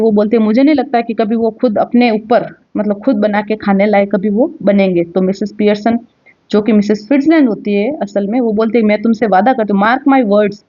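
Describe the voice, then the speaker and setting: A woman's voice: mid-range voice, warm tone, dull audio. A woman who teaches English. She reads lines from a play and then explains them with fillers and repeats. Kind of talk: reading a play aloud and explaining it in Hindi.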